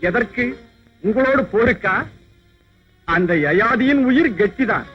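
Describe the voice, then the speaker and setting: A sly, high-voiced wandering sage. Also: male voice, animated, measured pace. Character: wandering divine sage, wry meddling messenger. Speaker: film character. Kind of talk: dubbed mythological film acting. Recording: dull lo-fi old film soundtrack with music.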